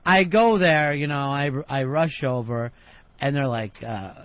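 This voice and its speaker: An American man hosting a radio show, casually telling animated anecdotes in a blunt, profane way and acting out quotes. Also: mid-range voice, measured pace, no echo. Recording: dull lo-fi radio broadcast audio.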